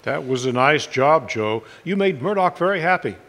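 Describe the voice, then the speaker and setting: A calm, kindly heavenly guide. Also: male voice, fairly high pitch. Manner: calm, gentle, measured. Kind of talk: 1940s radio acting.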